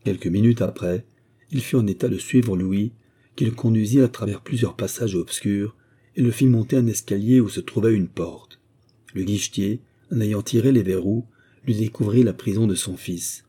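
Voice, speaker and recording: Man with a dark, husky voice. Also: lowish voice, normal speed. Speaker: audiobook narrator. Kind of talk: reading a classic novel.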